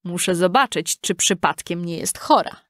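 A woman's voice: fairly low pitch, normal speed, a bit bright, no echo, studio quality, natural voice. A woman voicing a stern male hunter for a storybook reading, in a plain, matter-of-fact tone.

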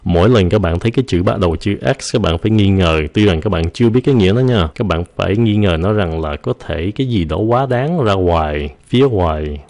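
Low-voiced male teacher, vocabulary lesson, mixes English into his explanations, slow drawn-out pronunciation demos. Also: lively intonation, darkish tone.

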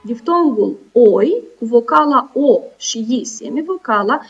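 Woman, teacher, higher voice, careful syllable-by-syllable delivery, set back from the mic, dull lo-fi sound, soft music underneath. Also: animated, husky, distant mic. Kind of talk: recorded school lesson. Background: soft background music.

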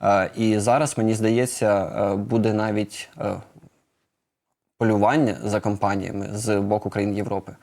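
A man's voice: on the low side, little pitch movement, normal speed, darkish tone. A man answering questions as a studio guest in a live interview, hesitant with many filler sounds. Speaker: production head of a drone maker, guest.

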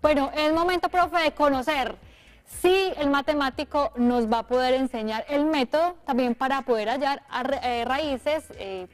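A woman's voice: high-pitched, moderate pace. A woman co-hosting a televised math lesson, chatting playfully and backing up the teacher. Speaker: co-host.

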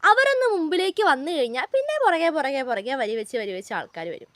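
A woman's voice: high-pitched, huge pitch swings, fast talker, no echo. A young woman, chatting to her viewers as she tells a story from her school days on her vlog. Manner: chatty, keeps addressing viewers as guys. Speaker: vlogger.

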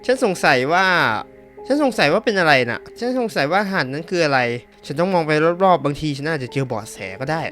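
A man's voice: a little high, animated, fast, fairly bright tone, faint music behind. A man playing through a horror game, reading its text aloud and yelping and swearing at scares. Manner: jumpy, yelps and swears at scares. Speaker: gamer. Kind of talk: horror game playthrough commentary.

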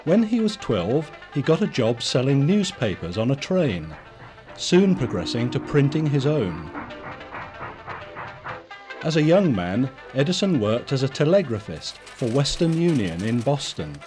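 A man narrates a documentary in a measured, steady telling. His pitch rises and falls with lively movement, and soft music sits faintly underneath. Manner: measured, even storytelling. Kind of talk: scripted narration.

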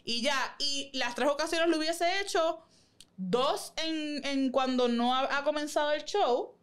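A woman's voice: high voice, a little slow. A Puerto Rican woman co-hosting a podcast in casual chat, sassy and slangy, mixing in English phrases. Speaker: podcast co-host.

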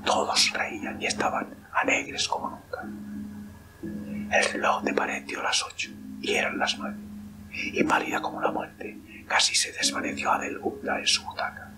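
A man reading a ghost story aloud in a steady, hushed whisper throughout. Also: normal speed, over loud music, low-quality recording. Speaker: narrator.

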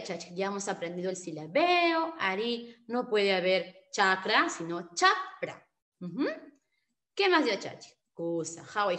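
A woman teaching an online language class, saying example words loudly and slowly, then explaining more quietly and asking rhetorical questions. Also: medium pitch. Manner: asks rhetorical questions and peppers speech with Quechua fillers.

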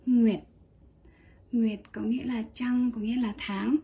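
A woman teaching a casual Japanese kanji lesson, chatty and relaxed with small laughs. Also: fairly high pitch, a little slow, breathy edge.

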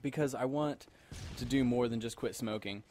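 A man's voice: mid-range voice, moderate pace, a little mellow, slight background noise. A tipsy man doing casual game commentary, rambling and repeating himself as he talks to his viewers. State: tipsy from alcohol. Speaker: gamer commentator.

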